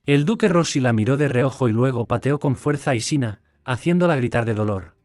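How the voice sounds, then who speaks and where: A man reading a scripted story recap as narrator, in an even storytelling manner. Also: mid-range voice, brisk, no echo. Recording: dry close mic, faint music.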